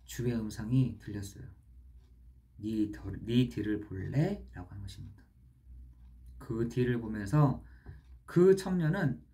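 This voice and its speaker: A pastor preaching at a midweek church service, emphatic and animated, often turning to address the congregation directly. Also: medium pitch.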